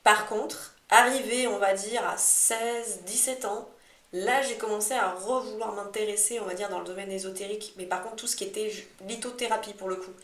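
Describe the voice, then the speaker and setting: A woman's voice: medium pitch, steady tone, normal speed, fairly bright tone. A talkative woman co-hosting a podcast, chatting casually and drifting into digressions as she tells her own story. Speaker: astrology podcast co-host. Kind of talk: casual conversational chat about personal experience. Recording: echoey room.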